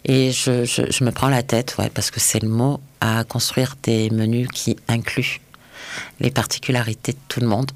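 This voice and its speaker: A man's voice: mid-range voice, flat delivery, normal speed. Hesitant, thoughtful French man chef. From France. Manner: hesitant, thoughtful, many fillers. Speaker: restaurant chef. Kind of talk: interview answers.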